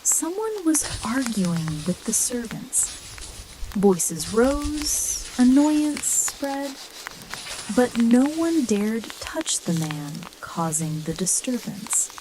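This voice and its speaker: A woman narrates a bedtime story in a slow, measured whisper, in an ASMR style. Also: fairly high pitch, sing-song, background noise.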